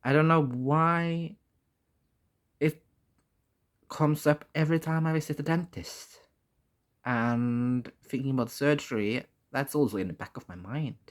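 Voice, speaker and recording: A man talking casually and candidly in a personal vlog, halting often and swearing mildly. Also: mid-range voice. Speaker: vlogger.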